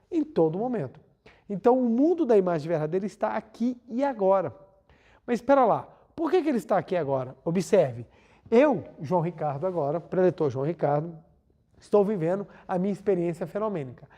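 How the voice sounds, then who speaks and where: A man's voice: high-pitched, very animated, a little fast, warm tone. A man with a Brazilian Portuguese accent giving an earnest religious lecture at a whiteboard, asking rhetorical questions and drawing out words for emphasis.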